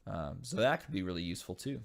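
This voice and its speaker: A man hosting a casual unboxing video, reading game card text aloud and thinking over each card with frequent pauses. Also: sits low, expressive, creaky. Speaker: channel host opening dice game packs.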